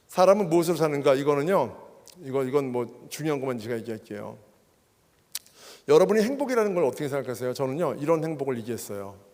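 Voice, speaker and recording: A middle-aged man preaching a testimony sermon at a church worship service, keeps asking the crowd questions. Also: a little high. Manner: animated, keeps addressing the crowd with rhetorical questions. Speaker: guest preacher. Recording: long hall reverb.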